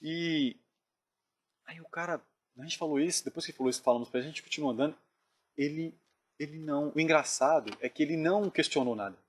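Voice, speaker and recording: A man earnestly retelling a dream in casual storytelling, often dropping his voice to a hush. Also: on the high side, fast. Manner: earnest, drops to hushed tones when reliving tense moments. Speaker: dream narrator.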